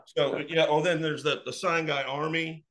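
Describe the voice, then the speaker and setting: A man guest chatting casually, telling animated stories and acting out what people said. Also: on the high side, moderate pace. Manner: animated, acts out quotes. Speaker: wrestling fan guest. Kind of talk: casual storytelling.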